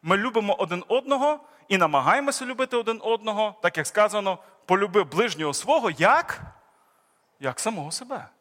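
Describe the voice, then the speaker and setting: A man's voice: sits high, animated, brisk, a bit bright. A man preaching a sermon as pastor, with an emphatic delivery that swings up and down. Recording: long reverb of a church hall.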